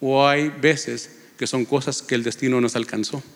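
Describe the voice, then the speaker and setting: A man's voice: mid-range voice, steady tone, moderate pace, big-room sound. A man preaching a sermon in Spanish to a congregation, reading from the Bible and asking them rhetorical questions. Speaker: lay preacher. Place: church.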